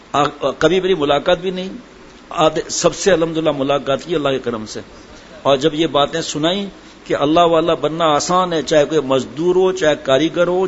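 A man preaching a sermon and telling humorous anecdotes in a chatty way, full of asides. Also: on the high side. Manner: conversational storytelling, chatty asides. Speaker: religious preacher. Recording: dull lo-fi with faint background noise.

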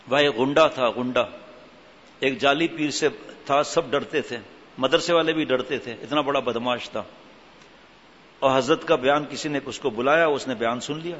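A fairly high-voiced man preaching in an echoing hall, his sermon full of lively stories and wry jokes. He hammers home strict rulings between the anecdotes, and the recording sounds dull and muffled. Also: slight background noise. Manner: animated, mixes humour with stern religious rulings. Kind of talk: storytelling sermon.

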